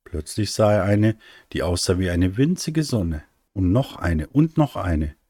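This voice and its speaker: Low-voiced guy reading a kids bedtime story, soft and soothing, dry close sound. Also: animated, unhurried, husky, no room sound.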